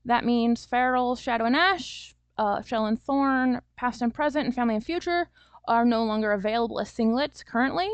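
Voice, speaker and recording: Chatty woman author, slightly high voice. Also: moderate pace, clear, resonant tone, no echo, highs cut off. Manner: chatty and loose, with many fillers and small laughs. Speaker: self-published author. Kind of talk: casual vlog talk.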